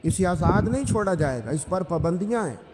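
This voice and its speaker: A man's voice: high-pitched, lively intonation, fairly quick. A man delivering an emphatic, rhythmic sermon, repeating phrases and reciting Arabic verses. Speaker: Islamic preacher. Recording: echoey hall, noisy.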